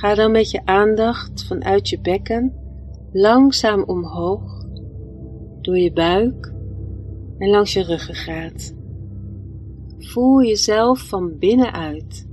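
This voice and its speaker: A woman narrates a guided meditation at a very unhurried pace. Her delivery is soft and gentle, with long pauses between phrases, and music plays behind her mid-pitched voice.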